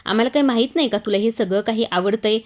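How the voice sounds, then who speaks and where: A teasing young woman from a family serial, put on by a woman narrator. She is pressing and insistent, pitched above the plain telling. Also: quick pace, lightly acted.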